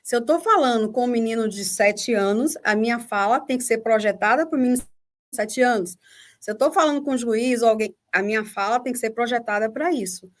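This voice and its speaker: A woman's voice: on the high side, fairly quick. A Brazilian woman, a teacher and mentor, explaining a point in an online workshop and often checking that listeners follow. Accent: Brazilian Portuguese. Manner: explanatory, checks understanding with rhetorical questions. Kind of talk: online workshop talk answering a question. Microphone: video call.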